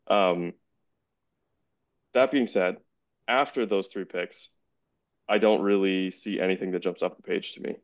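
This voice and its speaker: Casting: very low, gravelly man hosting a casual podcast chat, dry muffled sound. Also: no echo. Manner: thinks aloud, hedging. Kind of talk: casual fantasy sports chat.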